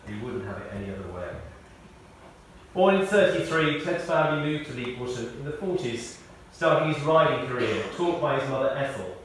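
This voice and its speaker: At a memorial service in a large church, a male eulogist reads a prepared tribute, spinning measured stories with dry humour. His mid-range voice is animated, but he stands far from the mic. The very reverberant room and faint noise leave him sounding off-mic.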